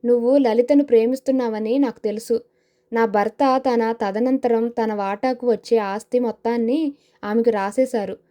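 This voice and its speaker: A woman's voice: on the high side, steady tone, moderate pace, mellow, close to an everyday voice. A woman doing a fierce grieving widow. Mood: accusing. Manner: fierce, accusing questions. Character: grieving widow accusing a man of murder.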